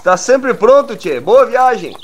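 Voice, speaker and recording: A man's voice: sing-song, unhurried, a little hiss or hum, heavily acted. A man putting on a stubborn, chatty old host. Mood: coaxing. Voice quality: high, hearty calling voice. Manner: insistent, booming orders.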